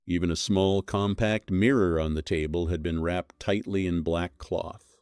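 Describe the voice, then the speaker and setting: Narrating a scripted horror mystery, a man with a deep, low voice uses brief, measured, dramatic phrases to create suspense. His intonation stays fairly even, and his tone is darkish and clean. The recording is dry and close-miked, without any echo.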